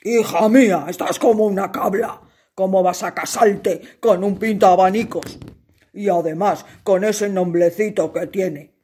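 Loud, blustering old king for a storybook, played by a woman. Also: mid-range voice, steady tone, a little slow, husky. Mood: scolding. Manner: loud and scolding.

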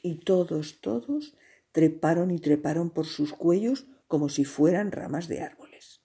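A woman reading a children's story aloud in an expressive, playful way, with sound effects. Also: low-pitched, a little slow, slightly rough.

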